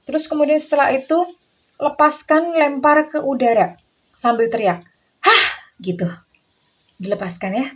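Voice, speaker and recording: A woman giving a tarot reading who calls herself Bunda and calls the listener darling, guiding a relaxation exercise in a soft, coaxing way that repeats words. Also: sits high, moderate pace, long pauses, low-quality recording. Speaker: tarot reader.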